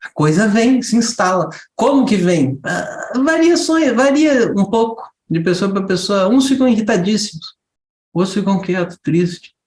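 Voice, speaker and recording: A man giving a lively spiritual talk to a group, asking rhetorical questions and briefly acting out a child and a mother. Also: high voice, measured pace, echoey room. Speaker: spiritual teacher.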